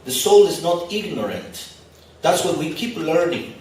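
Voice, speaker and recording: A spiritual teacher, not a native English speaker, talks to an expo audience in a large, reverberant venue, mixing casual lecture with light humor. His slightly high, darkish voice has a sing-song lilt and a somewhat slow pace. He's distant from the mic, and some hiss or hum is audible.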